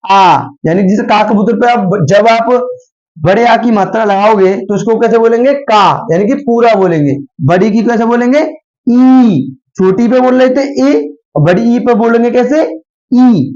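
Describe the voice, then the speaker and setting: A slightly hoarse man teaching the Hindi alphabet, asking questions and answering them himself while drawing out each syllable. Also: high-pitched, a little mellow. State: slightly hoarse from a sore throat. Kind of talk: slow spoken Hindi alphabet lesson. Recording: dull lo-fi recording.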